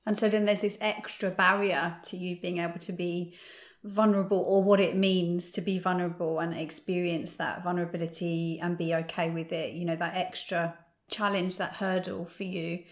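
Woman host talking low and flat, lots of room echo. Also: normal speed. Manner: warm, affirming, thinks aloud. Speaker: podcast host. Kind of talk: casual chat. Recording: echoey room.

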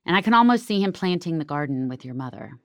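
Casting note: earnest woman interviewer with a very low, smooth voice. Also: lively intonation, quick pace, no room sound, clean studio sound. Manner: earnest and empathetic. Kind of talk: interview questions.

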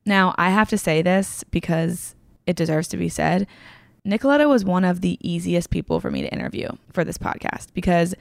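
A woman's voice: on the low side, sing-song, fairly quick, creaky, dry recording. A woman hosting a podcast, chatting casually and gushing, with lots of filler words. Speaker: podcast host. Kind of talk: casual podcast intro and interview. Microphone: remote call recording.

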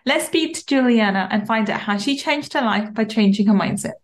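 A woman's voice: on the high side, fairly quick. A woman hosting a podcast interview, upbeat and effusive as she welcomes and questions her guest. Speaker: podcast host.

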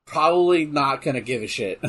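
A man's voice: mid-range voice, animated, normal speed, a bit bright, husky. A young man casually chatting and joking while playing a game, swearing and laughing often. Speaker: co-host. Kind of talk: casual gaming chat with commentary.

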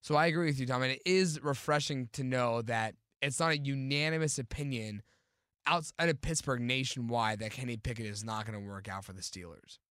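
A man co-hosting a sports podcast chat, agreeable and measured, with plenty of short affirmations. His voice sits at a middling pitch. The sound is dry and close-miked. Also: fairly bright tone, clean tone, no room sound. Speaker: podcast co-host.

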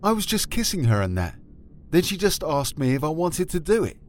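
Man acting a higher-voiced young suspect on interrogation tape. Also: sing-song, a little fast. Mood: blunt, defensive. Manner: short, blunt answers. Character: young male suspect giving blunt, evasive answers. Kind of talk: re-enacted police interrogation tape.

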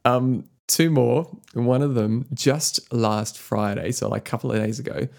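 A man's voice: mid-range voice, a little slow, creaky, darkish tone. A man co-hosting a podcast, chatting casually about music, rambling with lots of fillers. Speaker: podcast co-host.

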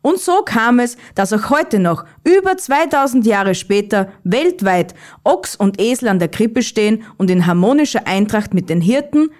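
A woman calmly reading a children's Christmas story aloud as narrator. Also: mid-range voice.

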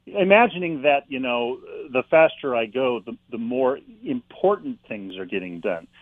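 Male author guest, calm and reflective, dry and slightly muffled line. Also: mid-range voice, normal speed, no echo. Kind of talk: interview about faith and slowing down.

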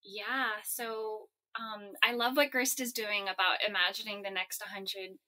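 A woman's voice: medium pitch, level tone, unhurried, sharp tone. A woman from Hawaii answering interview questions as a writer, thoughtful and hesitant with many fillers. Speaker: guest, story writer.

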